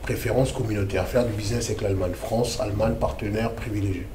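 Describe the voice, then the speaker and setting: A man's voice: fairly low pitch, steady tone, fast talker, reverberant, noisy background. A man from the Democratic Republic of the Congo, in his thirties, speaking as an activist interview guest in a casual, emphatic, slangy way.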